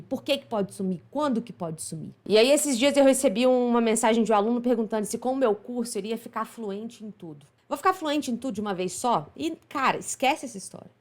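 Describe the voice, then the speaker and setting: A woman's voice: a little high, darkish tone. A Brazilian woman with a Minas Gerais accent, explaining pronunciation in a chatty online lesson, often asking "right?". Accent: Minas Gerais Portuguese. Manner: chatty, explanatory, frequent tag questions. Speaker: English pronunciation teacher.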